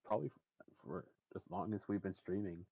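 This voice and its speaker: A man's voice: deep voice, brisk, gravelly, mellow, slightly rough, no echo, dull audio. A young man hosting a game stream, chatting casually and rambling with many fillers.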